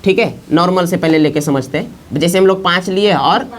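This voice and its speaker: A woman's voice: fairly low pitch, moderate pace. Woman teaching math, quizzing her class. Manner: asks the class constant check questions. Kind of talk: classroom lesson at a board. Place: classroom with students.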